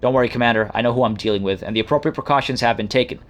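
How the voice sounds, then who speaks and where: A man's voice: mid-range voice, racing, close to an everyday voice. A man voicing a solemn, vengeful lord in a video game with formal speech. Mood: grave. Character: grave, vengeful nobleman lord. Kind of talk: video game dialogue read aloud. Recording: music playing behind.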